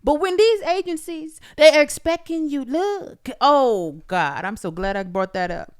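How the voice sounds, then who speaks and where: Animated woman podcast host, lively pitch. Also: a little slow. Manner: animated, ranting, says "look" constantly. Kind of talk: casual instructional monologue.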